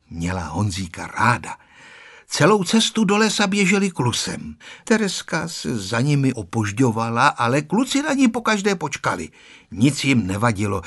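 A man reading a children's story aloud as narrator, expressive and rising and falling. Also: fairly low pitch, slightly rough.

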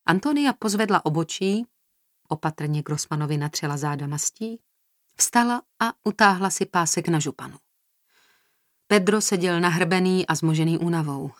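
A woman reading a novel aloud as an audiobook narrator, steady and even-toned. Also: sits low, no room sound, studio quality. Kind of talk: scripted narration.

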